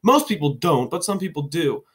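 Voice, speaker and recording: This vlogger, a young man with a blocked nose, offers casual candy-ranking commentary from home, full of jokes, tangents, and self-corrections. He speaks at a normal speed in a slightly high, expressive voice over a noisy background.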